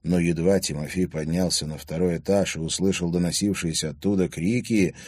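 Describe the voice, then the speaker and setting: A man narrating an audiobook in an expressive storytelling manner. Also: low voice, a little fast, husky, no room sound. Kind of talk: scripted narration.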